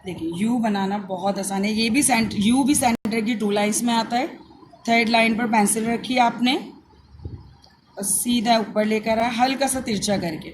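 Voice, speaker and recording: A woman from Pakistan with a Pakistani Urdu accent, teaching young children to write and sound out letters in slow, repeated steps. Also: a little high, fairly even intonation, noisy background. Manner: slow, repetitive step-by-step instruction. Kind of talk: handwriting and phonics lesson for young children.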